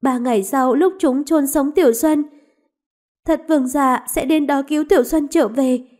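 Woman reads a young princess, proud, impassioned, high-pitched. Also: moderate pace, a little mellow, lightly acted. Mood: anguished. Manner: impassioned, pleading.

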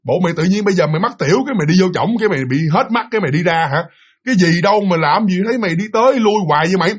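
A man voicing a blunt young café coworker, in a husky voice. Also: high-pitched, expressive, very fast. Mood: teasing. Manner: blunt, teasing.

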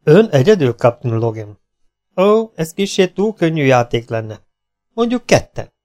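A man's voice: a little high, sing-song, darkish tone. A man voicing a cocky, self-assured outlaw gunslinger who taunts his opponents. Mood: mocking. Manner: mocking, self-assured and teasing.

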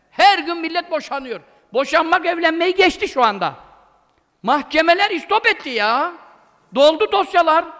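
A male preacher with a very high, bright voice gives an informal religious talk, and he sounds emphatic and scolding. His blunt colloquial outbursts ring out with a long reverb trailing behind them.

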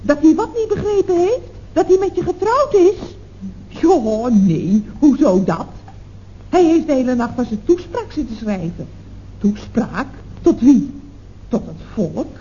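An actress playing a chatty, gossiping office secretary in a 1960s radio comedy, exclaiming down the telephone. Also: female voice, sits high, sing-song, unhurried, mellow. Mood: gossipy. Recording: dull old radio recording with faint hiss.

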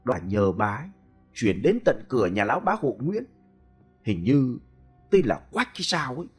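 A man voicing a peasant laborer who lowers his voice to tell an eerie tale. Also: big pitch swings, moderate pace, slightly rough, soft background music. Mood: hushed. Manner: lowered, confiding voice. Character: hushed peasant laborer telling a ghost tale.

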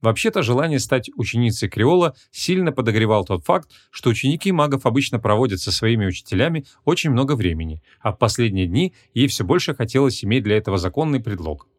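A man narrating a humorous fantasy audiobook in a measured, expressive reading. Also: medium pitch, no echo, clean studio sound.

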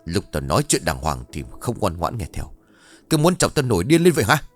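A man's voice: very deep voice, big pitch swings, a little fast, no room sound, voice pushed down, exaggerated voice. A man voicing a brutal male loan-shark thug who threatens and snarls in an audio ghost story. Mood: menacing. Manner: menacing, snarling.

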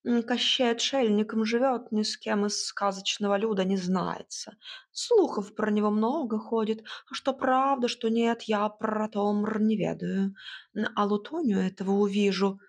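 A woman voicing a proud, grumbling male house cat who talks slowly and purrs between words in an audiobook. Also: medium pitch, fairly even intonation, close to an everyday voice. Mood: storytelling. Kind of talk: audiobook character voice.

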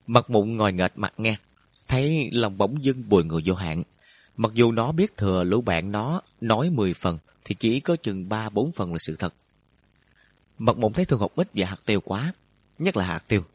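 A man narrating a storybook in a steady, even way. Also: lowish voice, normal speed, dry recording. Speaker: audiobook narrator.

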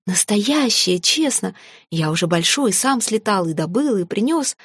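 A woman voicing an excitable, naive baby dragon boy who squeals and gushes his words breathlessly. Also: fairly high pitch, unhurried, breathy edge, no room sound, clean studio sound, pitched above the performer's own voice. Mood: excited.

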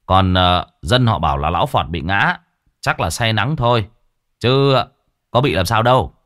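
A level-headed young man speaks in a low, measured tone, steady and matter-of-fact, as a storyteller puts him on. The sound is dry and close, with no room echo. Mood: calm.

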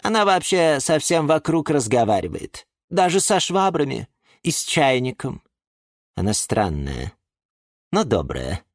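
A man voicing a calm but vain male cactus who takes offence about his looks in a storybook. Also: medium pitch, a little slow, no room sound, studio quality, voice pushed up. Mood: indignant.

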